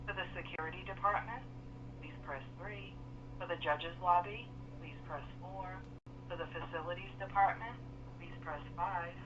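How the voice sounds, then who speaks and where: A woman's recorded phone message, reading an automated court phone menu in a formal, even, measured way. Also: on the low side. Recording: muffled, noisy phone line heard from a distance.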